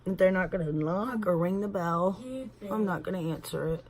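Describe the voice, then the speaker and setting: Texan lady doing her makeup at home, kinda low voice, chatty and rambly, says y'all. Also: moderate pace, a little mellow. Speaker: beauty vlogger. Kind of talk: casual makeup tutorial chat.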